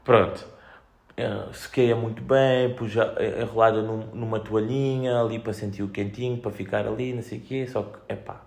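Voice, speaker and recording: Low-voiced young Portuguese man, casual and slangy. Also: fairly even intonation, normal speed, gravelly, darkish tone. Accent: European Portuguese. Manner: slangy, sweary, joking. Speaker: podcast host. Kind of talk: casual solo chat, rambling anecdotes.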